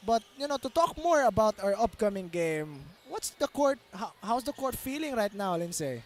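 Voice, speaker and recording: A man giving unscripted pre-game sports commentary, halting and searching for his words as he goes. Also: sits high, big pitch swings, a little hiss or hum.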